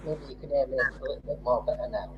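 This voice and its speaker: A man on a live stream call with a garbled, underwater-sounding connection, asking casual questions in a halting way and repeating himself. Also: medium pitch, dull audio, music in the background.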